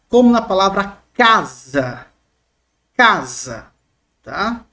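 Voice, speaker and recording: A teacher, slowly explaining letters and repeating each sound, often checking in with a quick question. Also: medium pitch. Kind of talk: explaining the Greek alphabet.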